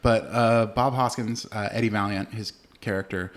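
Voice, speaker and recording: Low-voiced man casually reviewing a movie. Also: normal speed. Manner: relaxed, swears casually, many "uh" fillers. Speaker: podcast co-host.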